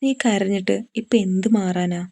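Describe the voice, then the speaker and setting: A woman's voice: mid-range voice, fairly even intonation, normal speed, mellow, natural voice. A woman voicing a caring young woman friend who talks in a firm, reassuring way.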